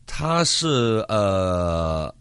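Halting low-voiced man with Cantonese-accented Mandarin. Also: very animated, fairly bright tone, clear, resonant tone, no echo. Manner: halting, repeats words. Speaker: actor, interview guest. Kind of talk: casual interview answers.

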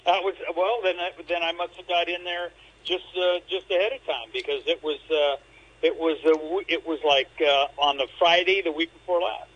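A man's voice: fairly high pitch, fairly even intonation, moderate pace, fairly bright tone. A man calling in to a radio phone-in over a clipped phone line, talking casually and often restarting his sentences. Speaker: caller. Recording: muffled phone call on radio.

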